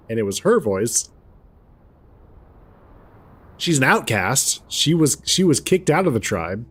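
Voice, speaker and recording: A man giving casual gameplay commentary, thinking aloud in a halting, amused way. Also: medium pitch, big pitch swings, a bit bright, breathy edge. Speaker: gamer, let's player.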